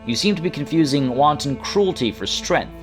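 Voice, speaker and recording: A man's voice: on the high side, expressive, normal speed, close to an everyday voice. A man voicing an earnest, righteous young noblewoman leader in a video game, speaking formally. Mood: wounded, accusing. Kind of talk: video game dialogue read aloud. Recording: music playing behind.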